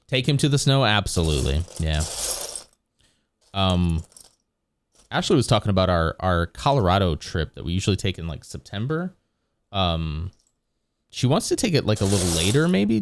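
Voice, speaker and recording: A man's voice: sits low, sing-song, normal speed, a little hiss or hum. A man streaming live, chatting casually and rambling with his viewers, chuckling often as he goes.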